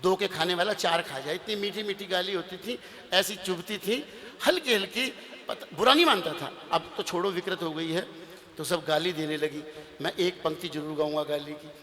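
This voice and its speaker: A male preacher giving a devotional katha sermon, telling the story in an animated way with emphatic bursts and sung lines. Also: sits high, moderate pace, big-room sound.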